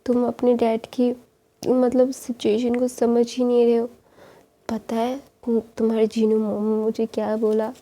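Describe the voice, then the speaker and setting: A woman reading the part of a troubled father, pleading and self-pitying, his lines coming out somewhat high and flat in a mellow, dark tone. The voice stays close to the narrator's own, the everyday voice of a storybook retelling. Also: a little slow, lightly acted. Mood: scolding. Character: distressed father pleading for help, man.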